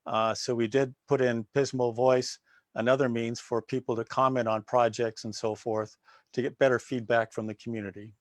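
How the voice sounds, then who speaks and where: A sitting mayor answers questions at a candidate forum over a video call. He talks plainly and fills his pauses with "uh". His voice sounds dry and close. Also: medium pitch, little pitch movement, no echo.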